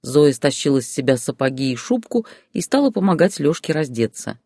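A man narrating an audiobook story in a steady, expressive reading. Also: fairly high pitch, brisk, no echo, clean studio sound.

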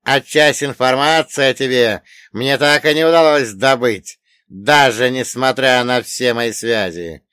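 A man's voice: medium pitch, measured pace, a bit bright, smooth, no echo, clean studio sound, lightly acted. A man voicing a cold, scornful middle-aged oligarch who barks his lines in an audiobook. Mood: menacing. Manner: scornful, barking.

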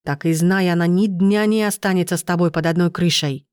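A woman reading a hoarse defiant young man. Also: fairly low pitch, steady tone, brisk, a little mellow, no echo, studio quality, close to an everyday voice.

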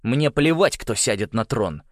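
A man's voice: medium pitch, lively intonation, a little slow, no room sound, studio quality, lightly acted. A man voicing a grim, blunt noble boy in a storybook. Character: gloomy direct noble boy.

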